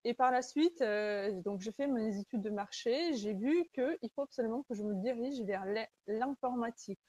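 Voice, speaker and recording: She's a Kazakh woman working as a Salesforce consultant, giving a webinar presentation with earnest, conversational delivery and frequent pauses to find words. Her voice is a little high and dark in tone, at a moderate pace.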